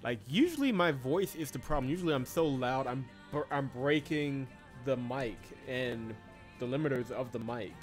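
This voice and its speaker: A laid-back streamer from Georgia in the US chats with his viewers over a desk mic while playing, speaking at a normal pace in a mid-range male pitch. He's lively and talkative, laughs a lot, and reads game text aloud as a soft game soundtrack plays quietly underneath.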